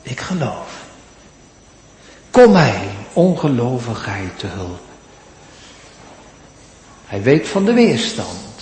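Male pastor, measured sermon delivery, lively pitch; echoey church recording. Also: slight background noise. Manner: preaching with dramatic pauses and rising emphasis.

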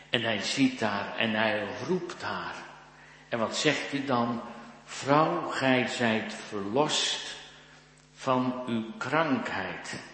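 Slow-preaching man in echoing church. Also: medium pitch, a bit bright. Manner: slow, earnest preaching with emphatic rises. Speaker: pastor. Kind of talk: sermon. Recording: echoey church hall.

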